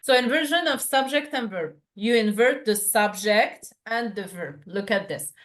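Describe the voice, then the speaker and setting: A woman's voice: on the high side, expressive, measured pace, a bit bright. Woman tutoring over a video call. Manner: explains patiently, many fillers and restarts. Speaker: French tutor. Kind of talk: online one-to-one lesson.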